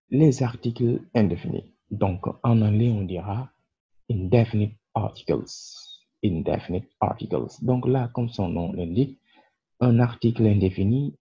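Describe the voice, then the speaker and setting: Slow, husky man teaching English grammar. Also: lowish voice, dark tone. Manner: slow, patient explaining with many fillers. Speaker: English teacher and channel creator. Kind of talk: French-language grammar lesson. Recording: dull lo-fi sound.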